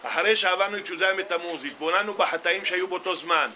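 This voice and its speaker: A man's voice: high-pitched, sharp tone, a little hiss or hum. A man, a rabbi, giving a sermon and telling stories with acted-out dialogue. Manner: storytelling, acts out dialogue in a quoted exchange. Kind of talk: Tisha B'Av sermon.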